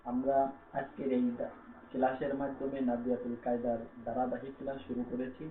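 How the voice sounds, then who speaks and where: A man with a Bangladeshi Bengali accent gives a slow, patient reading lesson, sounding out letters one by one and humming between them. His voice comes through thin and phone-like. It echoes around a bare room over a faint hum. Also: mid-range voice, monotone. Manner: patient, repeats each letter with filler hums. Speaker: Quran reading teacher. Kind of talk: slow classroom-style lesson, spelling out letters.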